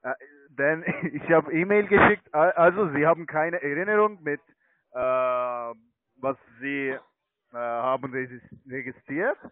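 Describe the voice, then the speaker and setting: A man with a slightly high voice speaks at an unhurried pace in a dry recording. He's a telemarketer managing online trading accounts, a non-native speaker whose first language isn't German, and he makes his phone sales pitch hesitantly in broken phrases. The line sounds tinny and narrowband.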